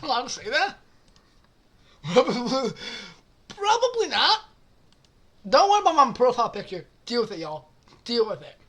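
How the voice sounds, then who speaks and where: A woman hosts a casual reaction commentary on forum posts. Her voice sits a little high and swings widely in pitch. She talks crudely, swears freely, giggles often and keeps saying sorry. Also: sing-song, normal speed, long pauses. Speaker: channel host reading forum posts.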